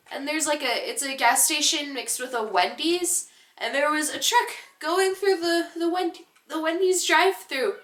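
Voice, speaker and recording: A teenage girl vlogger telling a casual story-time tale in an animated, giggly, rambling way. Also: high voice, echoey room.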